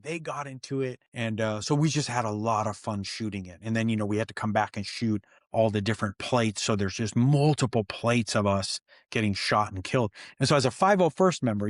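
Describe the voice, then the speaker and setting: A man, a stuntman guest, telling set stories in an excited, animated way and acting out quoted dialogue. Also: mid-range voice, brisk, few pauses, no room sound, studio quality. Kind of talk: animated storytelling interview.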